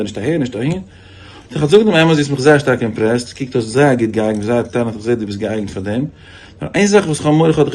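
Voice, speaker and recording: A man, a rabbi, giving a storytelling sermon on faith, restarting phrases often and jumping his voice up for quoted people. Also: mid-range voice. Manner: animated, many repeated restarts, voice jumps up for quoted lines.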